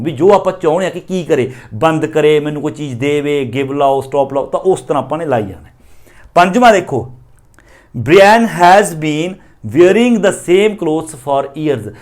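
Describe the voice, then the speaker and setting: A man explaining an English grammar exercise, reading the example sentences slowly and then explaining them. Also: fairly high pitch.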